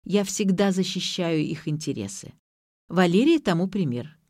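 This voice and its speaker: A woman's voice: fairly low pitch, lively intonation, normal speed, a little mellow, no room sound, clean studio sound. Woman playing a stern lecturing schoolteacher. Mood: cold. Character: stern heavy middle-aged female teacher.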